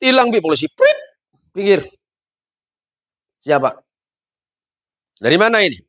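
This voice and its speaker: A man's voice: high voice, big pitch swings, a little slow, a bit bright, no room sound, clean studio sound, pitched above the performer's own voice, full character voice. A man acting out a stern male traffic policeman who questions a driver in a joke. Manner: bossy, questioning.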